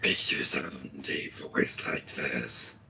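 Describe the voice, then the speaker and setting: A young man chatting while gaming who drops into a deep gas voice imitation, a breathy, drawn-out whisper. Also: fairly even intonation, highs cut off, noisy background. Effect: mimicking a deep gas voice, breathy and whispered. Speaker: gamer chatting with a friend. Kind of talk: casual chat while playing a game.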